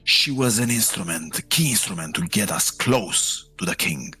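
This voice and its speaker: A man playing a proud, strong-willed warrior in a tabletop game, arguing earnestly in a husky voice. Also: low-pitched, expressive, normal speed, bright, forceful tone, faint music behind, exaggerated voice. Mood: defiant.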